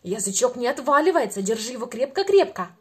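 High-pitched young woman, over-enunciating for children. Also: fast talker, husky. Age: 20s. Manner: animated, sing-song, encouraging. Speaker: children's speech therapist. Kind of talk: playful articulation lesson for a small child.

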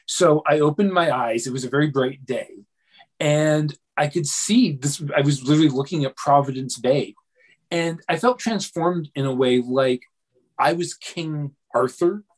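A man, a dreamwork coach, telling a long personal story in a relaxed interview, with many pauses, restarts and fillers. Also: fairly high pitch. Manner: hesitant, many restarts and fillers, self-deprecating.

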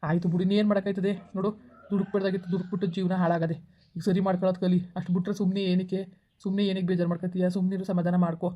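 A woman's voice: lowish voice, little pitch movement, dull audio, close to an everyday voice. A woman playing a young man who scolds and comforts a crying friend like an older brother in a village comedy skit. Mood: scolding, reassuring. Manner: scolding yet reassuring, fast and blunt.

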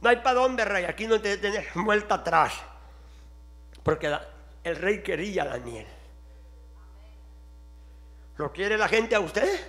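A man preaching a sermon to his congregation, swinging between quiet questions to the audience and shouted exhortations. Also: sits high, lively intonation, moderate pace.

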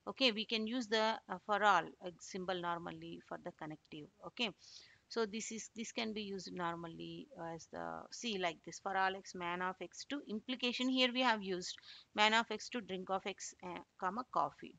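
A woman's voice: mid-range voice, moderate pace, creaky, bright, forceful tone, no room sound. A woman lecturing over slides, explaining step by step and saying "okay" a lot. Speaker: instructor.

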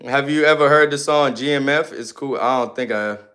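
A man's voice: medium pitch, a little fast, sharp tone. A man in his twenties livestreaming, reading viewer comments aloud and answering them in loose, slangy, sometimes ranting casual chat. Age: 20s.

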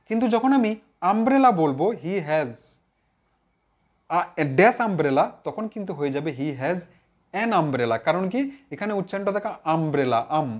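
Guy teaching grammar online, really expressive up and down voice, repeats example words slow, asks then answers himself. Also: sits high. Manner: repeats example words slowly, drilling pronunciation; addresses viewers directly, asks and answers own questions.

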